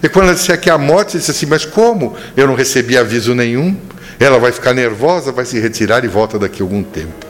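A man voicing a young husband explaining a quick plan to trick Death, in a reverberant hall. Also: mid-range voice, lively intonation, close to an everyday voice. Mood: scheming.

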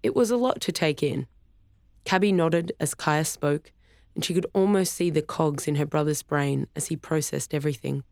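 A narrator reading fiction aloud in a steady, even voice. Close to the mic, with a dry sound and no room echo. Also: medium pitch, normal speed. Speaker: audiobook narrator. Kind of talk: scripted narration.

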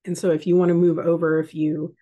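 A woman's voice: lowish voice, flat delivery, brisk, warm tone. A woman hosting a casual spiritual talk, rambling with many fillers and restarts. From United States. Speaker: host.

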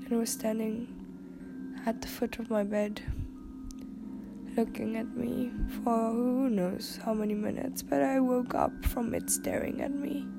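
A woman with a fairly high, nasal voice, stuffed up from congested sinuses, shares personal stories casually. She talks slowly and musingly, with a creaky fry in her voice, over music. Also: fairly even intonation. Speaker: storyteller. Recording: music behind the voice.

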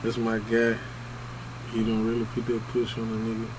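Male rapper interviewee, informal slangy chat, middling pitch, audible noise behind. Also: completely flat delivery, normal speed. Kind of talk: casual chat.

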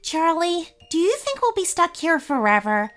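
A woman plays a dreamy young girl from a storybook who clings to hope of magic. Her voice is high and swoops widely, and she talks earnestly and slowly. Soft music sits underneath. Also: sing-song, exaggerated voice.

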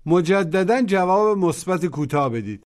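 A man's voice: high-pitched, lively intonation, darkish tone. A man teaching a language course, giving patient step-by-step instructions for repetition drills. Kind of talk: explaining drills in Persian.

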